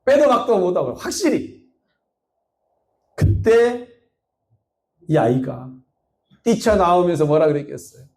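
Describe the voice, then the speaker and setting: In an echoey church sanctuary, a male pastor delivers a Sunday sermon, telling a story, questioning the congregation, and acting out quotes. His high, slightly mellow voice has a sing-song lilt, and he speaks at a measured pace with frequent pauses.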